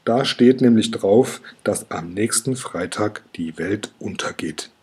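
A man's voice: fairly low pitch, slow, a little mellow, breathy edge, exaggerated voice. A man doing an earnest trunk-nosed dragon scholar. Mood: insistent. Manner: earnest, insistent.

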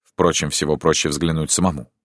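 Troubled formal prince, deep voice, done by a male narrator; audiobook, dry close read. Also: flat delivery, fairly quick, dry recording. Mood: probing. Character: embarrassed, troubled young prince, man. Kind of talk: audiobook character reading.

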